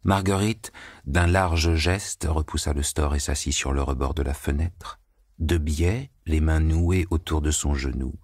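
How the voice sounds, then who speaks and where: A man narrating a novel as an audiobook, reading in measured, even phrases. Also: a bass voice, no echo, clean studio sound.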